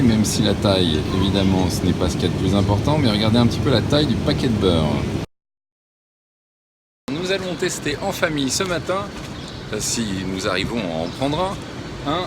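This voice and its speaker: A man's voice: medium pitch, very noisy. A man from France presenting a travel vlog, talking casually to the camera and addressing his viewers. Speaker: family travel vlogger.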